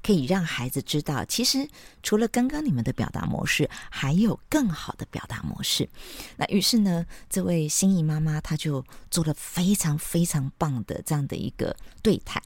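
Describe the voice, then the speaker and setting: A woman hosting a parenting podcast, chatty and sprinkled with soft laughs. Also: sits low, very animated, normal speed, no echo. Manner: chatty, with frequent soft laughs and tag particles. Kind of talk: casual podcast monologue.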